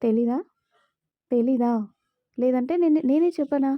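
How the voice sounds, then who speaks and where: A woman voicing a brooding young husband who speaks with sharp sarcasm, in a dry, slightly dull audio story recording. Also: high voice, a little slow, dry recording. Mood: intense.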